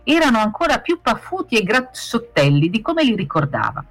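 A woman reading a children's fable aloud in a lively, expressive way. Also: fairly high pitch, moderate pace, soft background music. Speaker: storyteller, author of the tale.

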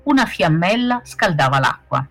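A woman reading a children's fable aloud in a lively, expressive way. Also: on the low side, moderate pace. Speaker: storyteller, author of the tale.

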